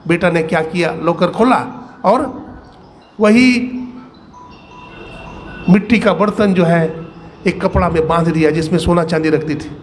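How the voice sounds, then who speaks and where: A middle-aged spiritual teacher, telling a parable in a folksy sermon and slipping into the voices of the people in it. His voice sits a touch high for a man. A faint hum of the gathering runs underneath. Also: a little slow, pauses often. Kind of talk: storytelling sermon. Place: satsang gathering hall.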